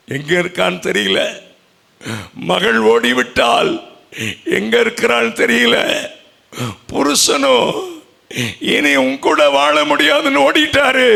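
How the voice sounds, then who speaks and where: A man preaching a sermon at a church convention, crying out loudly at times and then dropping to hushed, low lines. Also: vocal fry. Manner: emotional preaching, swinging from loud cries to hushed low lines. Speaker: pastor.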